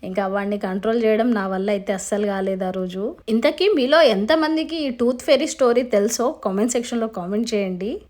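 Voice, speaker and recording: A woman, a vlogging mother who gently coaxes and soothes her child, then chats to the camera. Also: a little high. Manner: gentle, coaxing.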